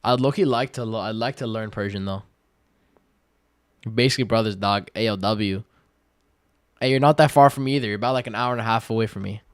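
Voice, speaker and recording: Smooth-voiced young man chatting casually. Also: lowish voice, fairly quick, pauses often, dry recording, clean studio sound. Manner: relaxed slangy talk, filler-heavy, reads chat aloud. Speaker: day-trading livestreamer. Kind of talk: casual live-stream chat, answering viewer questions.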